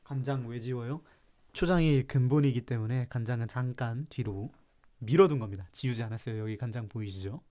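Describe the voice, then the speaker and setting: His voice is mid-range, brisk and dark-toned. This live-streaming man from Chungcheong, South Korea, reacts to his chat while jokingly ranting about food with mock seriousness.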